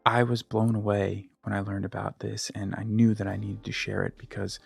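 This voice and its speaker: A man hosting a podcast interview, thanking his guest and telling a story in a relaxed, chatty way. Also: fairly low pitch, moderate pace, creaky, slightly rough. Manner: relaxed storytelling, acts out quoted lines. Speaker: podcast host. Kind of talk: casual interview chat.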